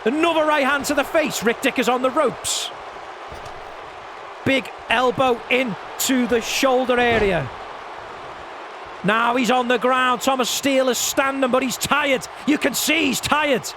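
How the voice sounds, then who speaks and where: A man doing play-by-play as an excitable wrestling commentator on a video game match, prone to shouting at big moves. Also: very high-pitched, unhurried, background noise.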